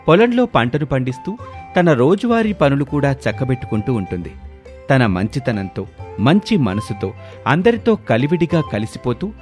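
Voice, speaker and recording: A man narrating an audio story in a scripted, expressive storytelling style. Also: mid-range voice.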